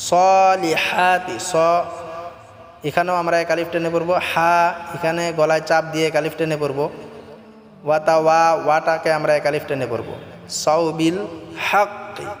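A man teaching Quran recitation, chanting each verse slowly and then explaining how to pronounce it. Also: a little high, level tone, slight background noise. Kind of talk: slow Quran recitation lesson. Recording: echoey room with long reverb, faint music.

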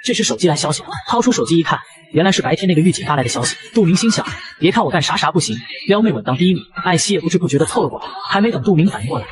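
A man narrating a manga recap in a brisk, breathless scripted delivery. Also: on the high side, animated, a crowd in the background.

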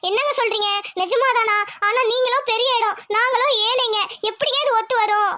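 A woman voicing a timid young village woman in love, talking in an anxious, hushed, pleading way in a cartoon. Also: very high-pitched, fairly even intonation, a little fast. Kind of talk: cartoon voice acting.

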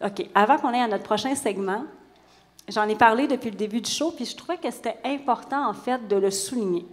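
A woman's voice: fairly high pitch, a little fast, long reverb tail. A Québécois woman hosting a live stage talk show, bubbly and teasing, laughing easily. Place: stage before a live audience.

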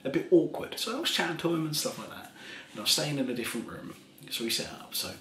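Chuckling tipsy man, soft-spoken storytime. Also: on the high side, big pitch swings, fast talker. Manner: rambling, chuckling often, drifting into soft half-whispers. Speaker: ASMR storyteller. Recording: roomy echo, faint background hiss.

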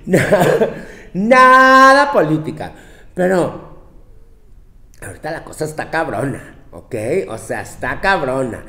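Heavily acted, a man's fairly high, sing-song voice with a sharp tone moves slowly and pauses often as he portrays a bossy young Mexican woman with a Mexican accent. Her comic monologue is a sassy, profane scolding of her girlfriends, brash and full of mocking quoted voices. It was recorded in a roomy, echoey room.

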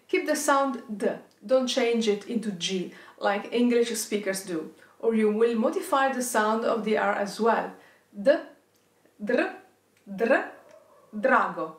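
Female Italian-accented language teacher, slightly high voice, enunciating rolled R drills in a roomy recording. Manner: demonstrates rolled R exercises, enunciating example words. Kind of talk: instructional pronunciation lesson. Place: indoor studio with plain backdrop.

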